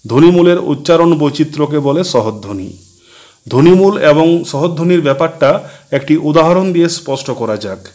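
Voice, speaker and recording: A man narrating a scripted grammar lesson, explaining points one by one in a slow, measured way. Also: on the high side, a little mellow. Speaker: teacher.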